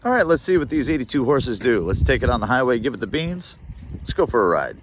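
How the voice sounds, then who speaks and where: Chatty man over loud road noise. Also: mid-range voice, sing-song, quick pace. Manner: chatty, joking asides. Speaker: motorcycle reviewer. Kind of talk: casual ride-along review. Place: outdoors on a motorcycle, on the road.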